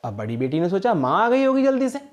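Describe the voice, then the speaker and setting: A man telling a fable to children in an animated way, often asking the listeners questions. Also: high-pitched, quick pace. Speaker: motivational speaker. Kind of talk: storytelling for children.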